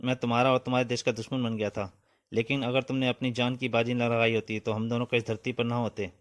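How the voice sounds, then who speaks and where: A man's voice: medium pitch, flat delivery, fast, close to an everyday voice. A man voicing a proud, aging yeti king who speaks in grave, solemn tones in a comic storybook reading.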